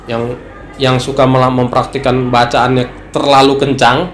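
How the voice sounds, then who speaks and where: A man acting as an ustaz, who teaches Islamic law in a relaxed, conversational study session and sometimes acts out the questions worshippers bring him. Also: medium pitch, normal speed, a crowd in the background. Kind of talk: religious study talk. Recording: echoey room with some noise.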